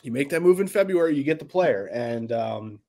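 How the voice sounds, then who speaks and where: A man's voice: mid-range voice, animated, a little fast, warm tone. A man co-hosting a podcast, chatting casually with a teasing, laugh-prone manner. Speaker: podcast co-host. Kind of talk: casual chat.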